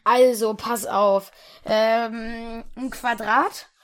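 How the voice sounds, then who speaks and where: A woman playing a fussy schoolteacher who keeps stumbling over um and uh in a comedy role-play. Her voice sits a bit high. She sounds stern but muddled. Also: steady tone, drawn-out words, a bit bright. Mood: flustered, stern. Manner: hesitant, lots of um and uh.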